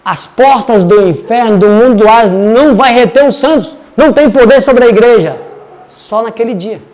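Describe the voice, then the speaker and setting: A man's voice: extremely high pitch, moderate pace, a little mellow, in a large hall. A man teaching a casual Bible study, chatty and digressive as he reads verses aloud.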